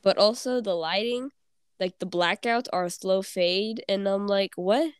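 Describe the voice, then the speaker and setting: A woman's voice: mid-range voice, a little slow, smooth, no room sound, studio quality. A teenage girl with a congested cold voice, chatting and giggling as a podcast co-host. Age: teens. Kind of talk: casual chat.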